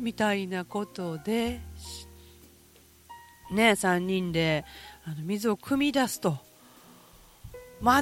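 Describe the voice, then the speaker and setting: A woman with a Kansai accent talking alone in a casual morning show, musing and poking fun at herself with drawn-out fillers. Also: medium pitch. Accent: Kansai Japanese. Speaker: podcast host. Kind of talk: casual solo morning talk.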